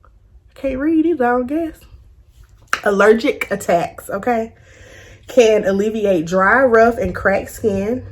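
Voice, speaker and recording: Chatty woman talking through braces. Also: on the high side. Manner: speaks with braces, stumbles on long words; sassy, informal girlfriend-to-girlfriend address. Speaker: vlogger reviewing soaps. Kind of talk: casual chatty product review.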